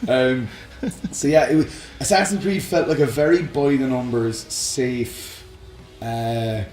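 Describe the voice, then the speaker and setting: A man co-hosts a casual, rambling podcast chat about video game films, offering his opinions in a medium-pitched, darkish voice at a measured pace. The sound has a roomy echo with music underneath.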